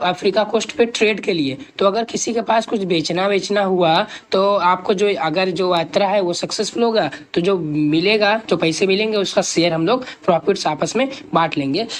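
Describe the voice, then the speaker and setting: An Indian woman teaching a lesson. She explains an English story in Hindi with many fillers. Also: medium pitch.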